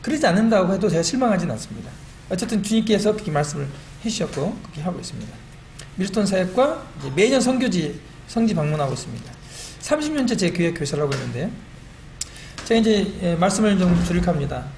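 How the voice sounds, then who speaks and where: A middle-aged man giving a church testimony, animated and self-deprecating, recorded in a church meeting hall. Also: high voice, quick pace. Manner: animated and self-deprecating, quotes his own prayers. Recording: echoey hall with faint room noise.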